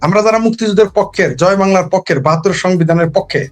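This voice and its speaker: A man's voice: sits high, rapid-fire, faint music behind. A man giving an impassioned political talk, rhetorical and emphatic, repeating his points. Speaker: political commentator.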